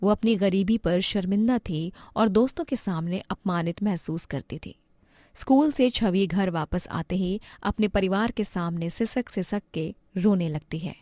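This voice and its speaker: A woman's voice: mid-range voice, measured pace, dark tone, no room sound, studio quality. Woman narrating a bedtime storybook. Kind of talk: scripted narration.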